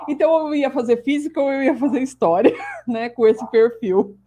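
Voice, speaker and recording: A woman's voice: sits high, very animated, moderate pace, warm tone, slight background noise. A woman historian in her forties from Brazil, answering interview questions in a chatty way, often restarting her sentences. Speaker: historian guest.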